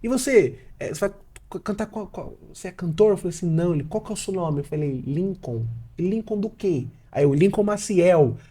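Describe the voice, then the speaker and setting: A Brazilian man, a pastor and businessman, telling his story as a podcast guest and acting out both sides of the conversations in lively slang. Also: high voice, fairly quick, breathy edge. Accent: Brazilian Portuguese. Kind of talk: animated storytelling with quoted dialogue.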